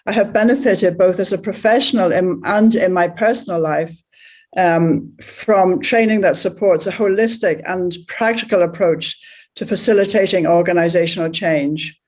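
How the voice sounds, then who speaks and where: A woman from Ireland, a facilitator speaking in a steady, deliberate way. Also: fairly low pitch. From Northern Ireland. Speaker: Gestalt practitioner and facilitator. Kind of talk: prepared video message.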